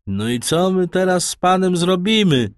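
A man's voice: high voice, expressive, moderate pace, no room sound, voice pushed up. A man voicing a brusque, doubting middle-aged ship's master in an audiobook. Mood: doubtful.

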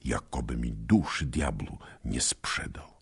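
A man voicing a small, mocking knight and master swordsman who turns tender, with a deep gravelly voice. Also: big pitch swings, slow, darkish tone, heavily acted. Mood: earnest.

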